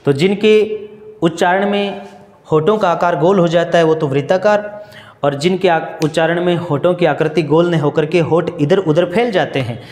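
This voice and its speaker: A man teaching Hindi grammar in a slow classroom style, asking questions and answering them himself and going over each point again. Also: high-pitched, darkish tone, reverberant, big-room sound. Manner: repeats and restates points, asks questions then answers them. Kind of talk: slow, repetitive classroom explanation.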